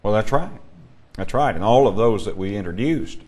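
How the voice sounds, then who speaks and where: Low-voiced man teaching a Bible class. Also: animated, darkish tone, husky. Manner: emphatic, measured, asks the class questions.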